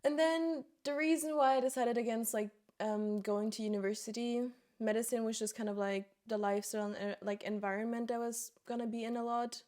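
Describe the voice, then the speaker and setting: A young woman from Austria, a podcast guest telling stories in a relaxed, rambling way. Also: a little high, a little fast, few pauses. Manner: relaxed, rambling storytelling with lots of "like". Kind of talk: casual interview chat.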